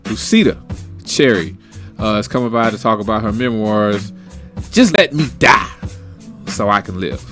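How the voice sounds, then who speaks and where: A man's voice: fairly low pitch, animated, normal speed, pauses often, fairly bright tone. A man hosting a casual internet radio talk show, with laid-back, hyped banter. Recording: music bed under the voice.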